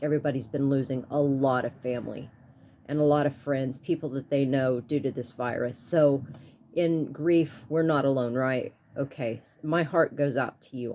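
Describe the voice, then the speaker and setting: A woman talking to her viewers in a personal vlog, earnest and soft-spoken, with stuffy sinuses and a tearful edge, pausing and restarting often. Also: low voice. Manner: halting, with many pauses and restarts. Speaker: YouTube art channel creator.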